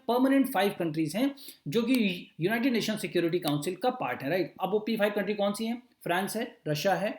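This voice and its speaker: A man teaching an exam-prep lesson, reading English phrases slowly and then explaining them, often checking in with his students. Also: sits high, darkish tone, roomy sound. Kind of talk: editorial reading lesson mixing Hindi and English.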